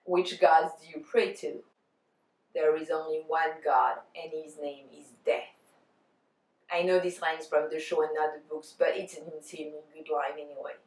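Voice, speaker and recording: A woman's voice: low voice, fairly even intonation, moderate pace, a little mellow. A woman vlogger giving semi-scripted talk to camera in an articulate, bookish way. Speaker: vlogger answering fan tag questions. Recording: echoey room.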